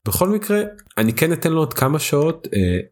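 A man with an Israeli accent and a husky voice, chatting casually about games as a podcast co-host. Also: on the high side, very animated, a little mellow. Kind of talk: casual gaming chat.

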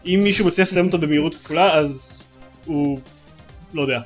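A man with a voice on the high side co-hosts a casual gaming podcast, speaking eagerly and rambling with lots of fillers. Soft music plays in the background.

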